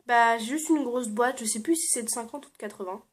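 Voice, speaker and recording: A woman's voice: fairly high pitch, a little fast. A young woman chatting casually as she shows things to her viewers, with many fillers and frequent laughs. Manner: chatty, many "euh" fillers, laughs often, drops to soft murmurs. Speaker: beauty vlogger. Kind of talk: casual show-and-tell vlog.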